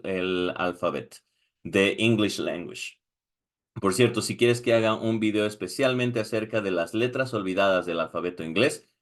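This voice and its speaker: A man with a Mexican Spanish accent explains exam questions step by step. He asks the viewers questions and checks in with a frequent "ok?". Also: fairly low pitch. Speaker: English teacher preparing exam candidates. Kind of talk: screen-recorded lesson, switching between Spanish and English.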